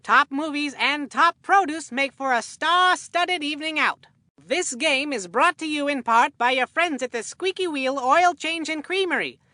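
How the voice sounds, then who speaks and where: A male cartoon baseball commentator in a video game calls the action with a high-pitched, forceful, excitable voice, folksy and salesman-like. His scripted commentary is hammy and full of puns, with polished showmanship. The sound is dry and close, with no echo.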